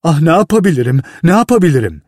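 A man voicing a frightened young male apprentice who pleads in panic, in a husky voice, in a read-aloud story. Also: on the high side, big pitch swings, fast, a little mellow, no room sound, studio quality, pitched above the performer's own voice. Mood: panicked. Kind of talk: audiobook reading.

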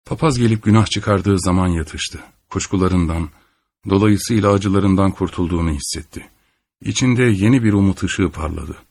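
A male audiobook narrator reads a literary text in a measured, solemn style. His voice sits low. The recording is dry and close, with no room sound. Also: a little mellow, dry recording.

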